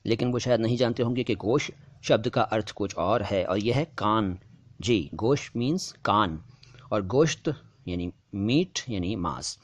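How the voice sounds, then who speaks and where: A man hosting a language lesson, patiently explaining how words are pronounced and slowly repeating them for emphasis. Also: fairly low pitch, expressive, no room sound. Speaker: language teacher, channel host. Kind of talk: explaining word pronunciation to viewers.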